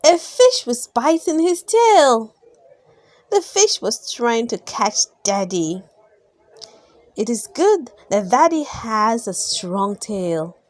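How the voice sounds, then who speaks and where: With no room sound in the background, a woman whose voice sits on the high side performs a children's bedtime story read-aloud. Her storybook delivery is expressive, full of lingering emphasis, sighs, gasps, and questions aimed at young listeners.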